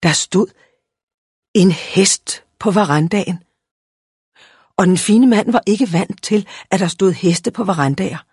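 Husky, expressive storybook narrator. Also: medium pitch, pauses often, no echo, studio quality. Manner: expressive, lively reading. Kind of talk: storybook reading.

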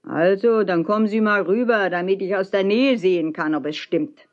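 Lady reading as a grumpy old boat guy, loud and blunt, storybook vibe, kinda dull sound. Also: medium pitch, normal speed, close to an everyday voice. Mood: gruff. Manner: bellowing, blunt, grumbling. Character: gruff old male bargeman, stubborn, loud.

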